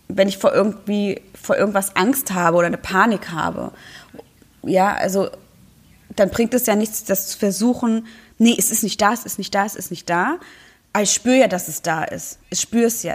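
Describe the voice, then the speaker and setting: A woman coach with her own practice, talking in a relaxed podcast conversation, reassuring and acting out little inner voices. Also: medium pitch.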